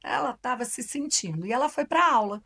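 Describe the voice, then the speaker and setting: Animated woman in her forties telling a story. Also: fairly high pitch, a little fast, breathy edge. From Brazil. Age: 40s. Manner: animated storyteller, acts out dialogue. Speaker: guest, family lawyer. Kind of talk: casual interview storytelling.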